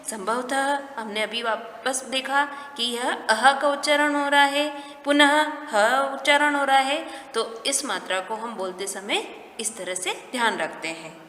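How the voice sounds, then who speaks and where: A woman teaching a recorded lesson to young children, explaining each step slowly and asking simple questions along the way. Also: fairly high pitch, steady tone, sharp tone, slight background noise. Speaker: primary school teacher. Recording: echoey room with long reverb.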